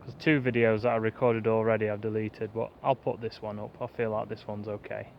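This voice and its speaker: A man chatting fast and rambling to the camera in a pine woodland, like a bushcraft vlogger. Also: lowish voice, little pitch movement, creaky, slight background noise. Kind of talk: casual rambling chat to camera. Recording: dull lo-fi outdoor recording, faint woodland ambience.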